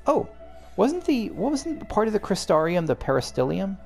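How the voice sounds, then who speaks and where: In a high, sing-song voice with vocal fry and a darkish tone, a let's play host talks at a normal speed while gaming. His casual commentary rambles and self-interrupts as he muses aloud, with soft music in the background.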